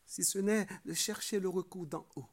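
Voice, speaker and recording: A man preaching a sermon, earnest and exhortative, often tagging phrases with a questioning "hein" and lifting his voice to stress key points. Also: moderate pace. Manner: earnest preaching, rises in pitch and volume for emphasis; frequent filler "hein".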